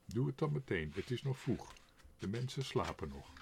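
A man voicing a kind, honest father in an audiobook, speaking gently but firmly. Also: medium pitch, normal speed, gravelly, slight background noise. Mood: gentle, firm. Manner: gentle, calm and firm. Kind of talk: audiobook character voice.

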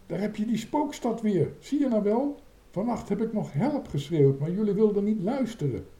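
A scared little boy who wails in a high, trembling voice, as a man reads him aloud. He sounds lively and sing-song, and the room gives the voice a noticeable echo. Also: normal speed. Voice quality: high, wailing cries. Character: timid frightened young boy, whiny.

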